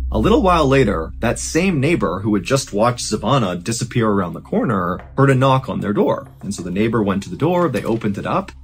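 Lively casual male true-crime storyteller. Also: fairly low pitch. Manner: casual and conversational, with fillers like "you know". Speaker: podcast host and storyteller.

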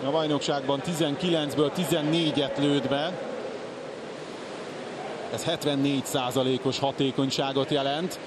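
A man giving excited Hungarian sports commentary as a live commentator, swelling on the key moments. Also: medium pitch, long pauses. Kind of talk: live water polo commentary. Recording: loud pool-hall noise behind. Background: loud indoor pool ambience.

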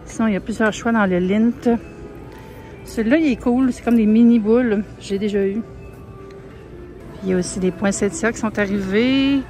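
Holding her phone camera, a young Québécois French-accented vlogger narrates a relaxed browse through a big grocery store, heavy on fillers and soft asides. Her mid-range voice moves at normal speed but pauses often. Faint store music plays beneath a rough recording.

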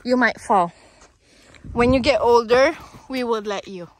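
A woman's voice: fairly high pitch, a little slow. A woman chatting casually as she vlogs a hike outdoors, laughing often and cooing to her baby along the way. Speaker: travel vlogger. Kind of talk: casual vlog narration. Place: outdoors on canyon trails.

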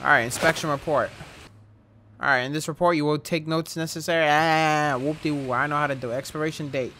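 A young man commentating a video game casually, with loud, profane, joking reactions. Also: on the high side, steady tone, brisk, a little hiss or hum. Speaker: gaming streamer.

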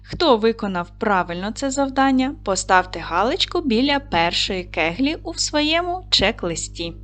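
A woman primary school teacher with a Ukrainian accent, giving a recorded video lesson to children in a clear, patient, instructive way. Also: fairly high pitch, expressive, moderate pace, a bit bright, faint music behind.

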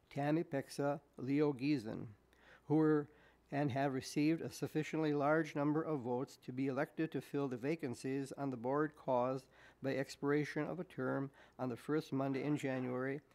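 A man reading official resolutions aloud at a school board meeting in a measured, deliberate way, speaking into a desk microphone in a meeting room. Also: mid-range voice, steady tone, darkish tone.

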